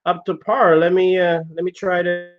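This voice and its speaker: A man's voice: high-pitched, flat delivery, highs cut off. A man hosting a casual chat over a bad internet video call, his voice crackling with static as he apologizes and tries to fix the connection. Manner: apologetic, hurried, fixing his setup. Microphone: video call over home internet.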